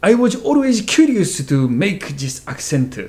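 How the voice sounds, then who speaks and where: A man putting on a Korean accent to voice an expressive, gruff older Korean man, speaking slowly. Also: high-pitched, voice pushed up, full character voice. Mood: gruff, earnest.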